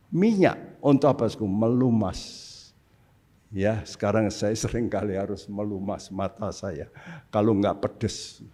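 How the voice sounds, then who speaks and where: A man's voice: lowish voice, a little mellow. An older man preaching a sermon as pastor, putting rhetorical questions to the congregation. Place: church service.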